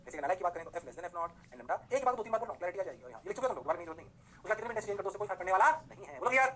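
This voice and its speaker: A man teaching physics in a classroom lecture, constantly checking whether his students follow and slowing down to dictate definitions in English. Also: high voice, animated, bright, forceful tone, slight background noise. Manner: rhyming rapid-fire praise words.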